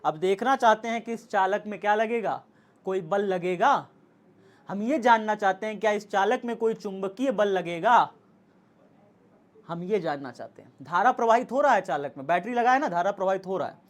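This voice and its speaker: Physics teacher guy with a twang, highish voice, keeps repeating stuff n telling kids to hurry. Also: moderate pace. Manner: repetitive, coaxing, urging students to hurry. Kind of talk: classroom lecture.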